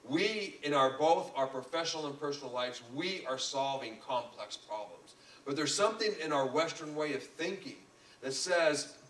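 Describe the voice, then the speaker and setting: This man's voice sits on the high side with a fairly bright tone as he delivers an emphatic, folksy motivational business talk, repeating phrases for effect. It's a live motivational seminar in a room with an audience, and the recording has a roomy echo from a distant microphone.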